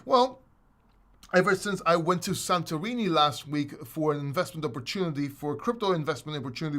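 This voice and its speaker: A man's voice: on the high side, fairly bright tone. A man from Greece hosting a casual live stream, chatty and rambling, a little winded. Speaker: host.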